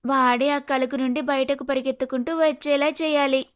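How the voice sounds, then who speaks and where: A woman's voice: sits high, steady tone, normal speed, natural voice. A woman voicing a clever, defiant young daughter-in-law in a cartoon story, speaking firmly and declaratively. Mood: scheming. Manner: firm, declaring, scheming.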